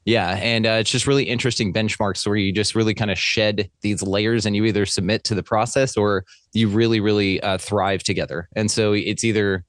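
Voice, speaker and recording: A man's voice: fairly low pitch, steady tone, brisk, hardly any pauses, dry recording, clean studio sound. A man hosting a podcast interview in a chummy manner, calling his guest "brother" and "my friend.". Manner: warm, chummy, laughs often. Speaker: podcast host. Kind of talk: casual interview.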